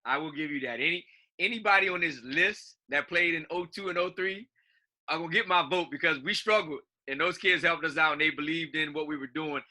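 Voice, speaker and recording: A man with a very bright, slightly high voice talks through picks in a relaxed, chatty way. He is a basketball coach co-hosting the show, laughs easily and often restarts his phrases. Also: fairly quick. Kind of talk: casual chat.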